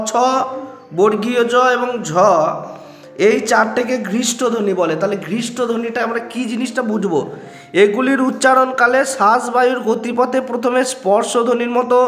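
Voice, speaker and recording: A high-pitched male teacher speaks patiently, breaking the lesson into small steps and sounding out letters one at a time. The room rings with a long, echoey reverb, and soft music hums faintly underneath. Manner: patient, explains step by step, sounds out letters for the students. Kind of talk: recorded grammar lesson.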